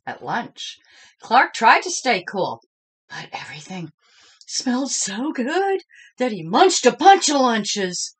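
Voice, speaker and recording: A woman reading a children's story aloud in a dramatic, expressive style, speaking to young listeners as she goes. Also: on the high side, takes it slowly, breathy edge. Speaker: storybook reader.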